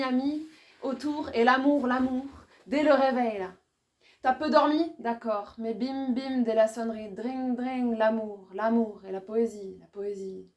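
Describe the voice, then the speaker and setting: A poet, a woman, giving a live reading of her poetry in a rhythmic, repetitive way, her voice swinging from loud bursts to hushed lines. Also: fairly high pitch. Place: small indoor venue.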